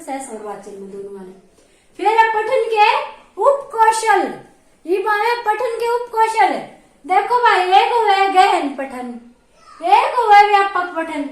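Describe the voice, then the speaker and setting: A woman with a Haryanvi accent, teaching an exam-prep class. She repeats key terms slowly and keeps checking in with her listeners. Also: very high voice, roomy sound.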